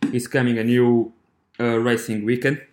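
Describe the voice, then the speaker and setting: A man's voice: mid-range voice, little pitch movement, a little mellow. Hesitant Portuguese-accented man, echoey room. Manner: hesitant, halting, with many fillers and restarts. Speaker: podcast host. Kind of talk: casual monologue.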